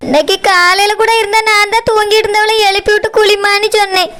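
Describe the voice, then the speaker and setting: A woman's voice: very high-pitched, level tone, fast. A woman voicing a distraught village mother in a cartoon, crying and pleading as she speaks with a Kanyakumari Tamil accent. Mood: tearful explaining. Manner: tearful, pleading. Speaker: cartoon character. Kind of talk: animated cartoon voice acting.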